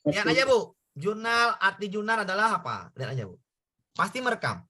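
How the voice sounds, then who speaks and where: A man's voice: high-pitched, very animated, fairly quick, bright, forceful tone. A man tutoring students in an online exam-prep lesson, repeating points and checking whether they understand. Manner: repetitive, coaxing questions to students.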